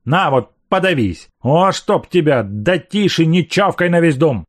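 A man voicing a quarrelsome middle-aged housekeeper woman who scolds in a high, shrill voice. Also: lively intonation, measured pace, dry recording. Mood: scolding.

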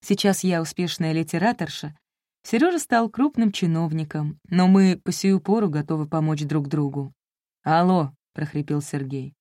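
A woman reads a first-person audiobook with wry, self-mocking storytelling. Her voice is lowish, warm and mellow. The recording is close and dry. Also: animated, normal speed, no room sound. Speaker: audiobook narrator.

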